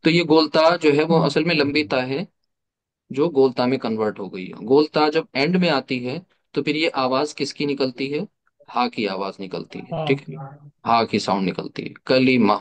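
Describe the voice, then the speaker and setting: A man's voice: mid-range voice, moderate pace. A man teaching an online class, explaining step by step, asking rhetorical questions and mixing English terms into his explanations. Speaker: Arabic teacher.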